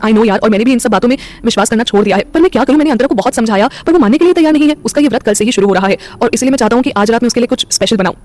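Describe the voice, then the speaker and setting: A woman's voice: on the high side, lively intonation, very fast, few pauses, a little mellow, lightly acted. A woman voicing a playful, caring young man in a romantic audio story. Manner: playful, joking.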